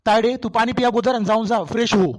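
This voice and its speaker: A voice actor playing a young married son and brother in a cartoon family story, placating and hurried. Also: medium pitch, lightly acted.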